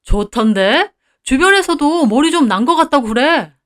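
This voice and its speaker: A woman's voice: sits high, expressive, moderate pace, a bit bright. A woman voicing a friendly middle-aged male client of a hair-care business, talking in a familiar, chummy way.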